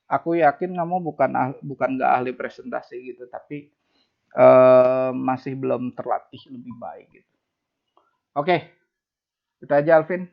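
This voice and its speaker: A man's voice: medium pitch, moderate pace, creaky, long pauses. Man giving class feedback over video call. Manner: mixes English phrases into speech, many fillers. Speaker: lecturer. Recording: dull lo-fi video call audio.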